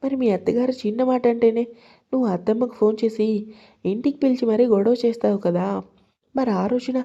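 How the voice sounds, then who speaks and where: A woman voicing an outspoken young daughter-in-law who talks back in a sharp, raised voice. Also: on the high side, a little fast. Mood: defiant. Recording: lo-fi dull sound.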